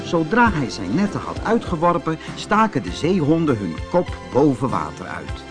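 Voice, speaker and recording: A man from the Netherlands reading a fairy tale aloud in an expressive, measured storytelling manner. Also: fairly high pitch, music in the background.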